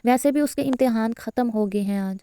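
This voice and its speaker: A woman's voice: fairly high pitch, mellow, clean tone, dry recording, clean studio sound, lightly acted. A woman voicing an anxious but tender middle-aged mother who soothes her daughter. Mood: soothing.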